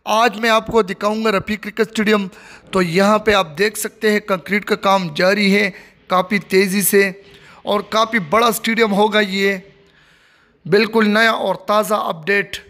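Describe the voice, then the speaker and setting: Man, high-pitched, casual, repetitive walking tour, outdoors, phone mic. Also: little pitch movement, moderate pace, bright, forceful tone. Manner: repetitive, plain commentary while filming. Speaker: vlogger giving a site tour. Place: outdoor construction site of a stadium. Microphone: handheld phone.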